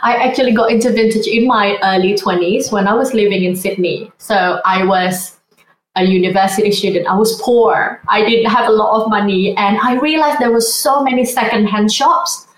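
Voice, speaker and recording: A woman's voice: medium pitch, normal speed, reverberant, poor audio. A woman, talking as a podcast guest in an earnest, reflective way. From Indonesia. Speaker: guest, vintage blogger. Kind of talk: conversational interview.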